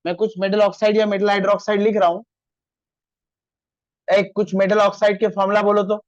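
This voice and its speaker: A high-pitched man teaching chemistry in a classroom, spelling out formulas step by step and breaking off to tell students to stop talking. The sound is dry and dull, like a basic lo-fi recording. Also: monotone, no echo. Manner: dictates formulas slowly, scolds students for chatting. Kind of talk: classroom lecture.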